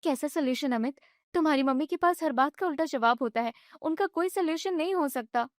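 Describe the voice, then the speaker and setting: A woman voicing a young newlywed daughter-in-law who argues back in a high, exasperated voice. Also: brisk, no echo, clean studio sound, lightly acted. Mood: complaining. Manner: high, protesting complaints.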